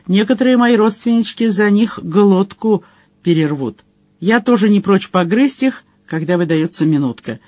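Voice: medium pitch, lively intonation, moderate pace, darkish tone, no echo, lightly acted. A reader voicing a brash, streetwise male otter rogue who teases his companions with slangy banter in an audiobook. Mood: teasing. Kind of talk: audiobook character voice.

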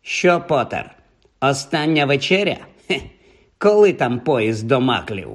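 A man's voice: mid-range voice, very animated, measured pace. A man voicing an arrogant, mocking schoolboy bully. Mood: sneering. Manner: mocking, taunting. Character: sneering arrogant boy bully.

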